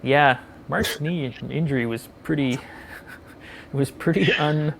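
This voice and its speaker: A man with a gravelly, creaky voice hosts a relaxed live-stream chat. He reads out viewer questions in an easygoing way and answers them. Faint noise sits behind him. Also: fairly high pitch, slow pace. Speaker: host of a live motorcycle chat show.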